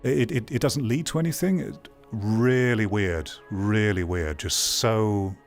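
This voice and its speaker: A streamer hosting a VR gaming commentary show gives off-the-cuff, opinionated criticism, repeating phrases to stress his points. His voice is fairly low and measured, with faint music behind.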